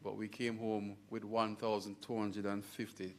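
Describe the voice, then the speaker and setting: A man with a Jamaican accent, a college head giving a formal, emphatic ceremonial speech with stressed words and pauses. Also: fairly low pitch, little pitch movement, slight background noise. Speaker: university college head speaking at a scholarship launch.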